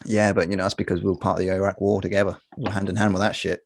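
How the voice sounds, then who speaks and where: A man's voice: low voice, little pitch movement, gravelly, dry recording, studio quality. A young Englishman telling joking stories in a casual podcast chat. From England. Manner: rapid, joking storyteller.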